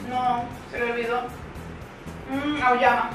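High woman talking while chewing. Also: slow pace. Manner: chatty, animated, hums while tasting. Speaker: vlogger host. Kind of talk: casual food-tasting chat. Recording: roomy, mic at a distance, music behind.

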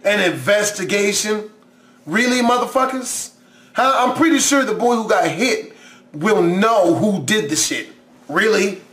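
A man with a very high voice gives profane, incredulous reactions to a video. He swears and mocks as he talks, and his voice bounces around an echoey room. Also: lively intonation, a little slow, soft background music. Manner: loud, incredulous, swearing, mocking. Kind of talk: profane casual reaction commentary.

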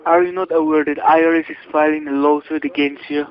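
A male scam caller posing as a tax agent delivers a scripted phone spiel in a slightly high, level voice at a fast pace. He is stern and officious, with stilted phrasing. The telephone-line audio is muffled, dull, and lo-fi.

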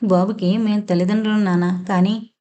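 A woman's voice: mid-range voice, fairly even intonation, moderate pace, mellow, natural voice. A woman reading the part of a troubled, hesitant middle-aged man speaking to his father in an audiobook story. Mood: subdued. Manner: hesitant, subdued.

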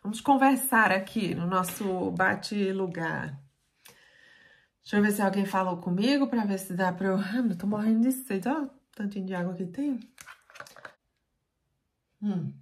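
A woman's voice: medium pitch, moderate pace, pauses often. A middle-aged Brazilian woman chatting casually to her viewers in a vlog, exclaiming and talking to them directly. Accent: Brazilian Portuguese. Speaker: vlogger. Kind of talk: casual vlog chat to camera.

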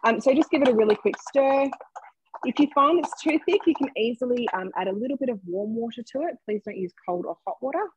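A woman's voice: a little high, quick pace, slight background noise, rough recording. Chatty young woman presenting a live cooking demo. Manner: upbeat, chatty presenter inviting viewers to comment. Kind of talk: live online cooking demonstration. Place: home kitchen, indoors. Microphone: webcam on a video call.

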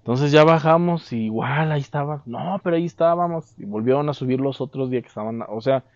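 A man's voice: mid-range voice, quick pace, dry recording, highs cut off. A man with a Mexican accent, casually recounting a memory in an interview with a lapel mic, trailing off between phrases. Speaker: eyewitness interviewee. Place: dark room, seated.

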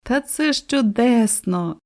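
Woman doing a happy dad bird, slow kind reassuring voice, soft tone. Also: fairly high pitch, animated. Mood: kindly. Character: cheerful loving father siskin bird.

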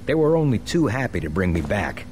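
An actor playing an eager, respectful American soldier in a video game, chatty and deferential. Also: male voice, on the low side, very animated, a little fast, darkish tone, slight background noise. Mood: earnest, upbeat. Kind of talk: video game cutscene acting.

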